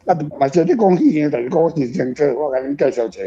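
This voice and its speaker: Speaking quickly in a slightly high, animated voice, an older Taiwanese-accented man guests on a radio show as an author. He talks about his book in a casual, reflective, rambling style, frankly and with self-deprecation, over dull lo-fi audio.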